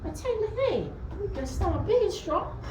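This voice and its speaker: A woman's voice: very high voice, big pitch swings, moderate pace, darkish tone, far from the mic. A woman playing a sing-song coaxing mum. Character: coaxing mother cheering on a little daughter. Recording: echoey room, voice off-mic, noise.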